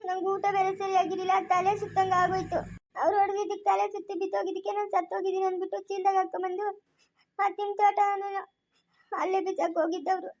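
A woman playing a mistreated young village woman with a rural Chikkaballapur Kannada accent, telling her story softly and haltingly through tears in a homemade family skit. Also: extremely high pitch, level tone. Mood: tearful. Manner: soft, halting, tearful storytelling.

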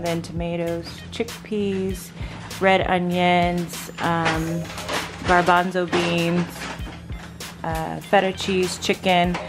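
Chatty woman narrating her cooking. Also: lowish voice. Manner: chatty, walks viewers through her cooking. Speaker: vlogger. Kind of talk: casual vlog narration. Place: home kitchen.

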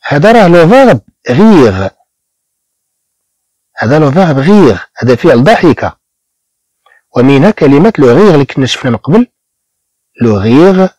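A man from Morocco who teaches beginners French. He repeats each word slowly and explains it in Moroccan-accented Arabic. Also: fairly high pitch, darkish tone, no room sound, poor audio. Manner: slow repetition of words, explaining in Arabic.

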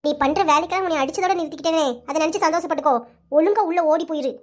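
A woman voicing a scolding middle-aged village mother with a southern Tamil Nadu accent, sharp and rapid. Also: very high-pitched.

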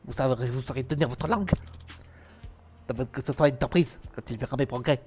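A man's voice: mid-range voice, brisk, darkish tone, soft background music. A French man reading and acting out game dialogue on a live stream, switching between character voices and playful asides.

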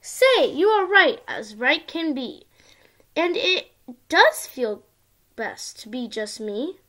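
A young girl with a high, childlike voice reads a picture book aloud to little kids. Her delivery is expressive and sing-song, in the manner of a storytime for small children. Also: slow. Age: child, around ten. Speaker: young video channel host reading a picture book. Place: small indoor room at home.

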